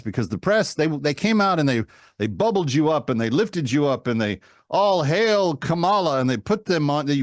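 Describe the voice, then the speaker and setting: Male political host, slightly high voice, dry studio sound. Mocking, emphatic monologue delivery. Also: dry recording. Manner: mocking, emphatic, with repetition for effect. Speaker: political talk show host.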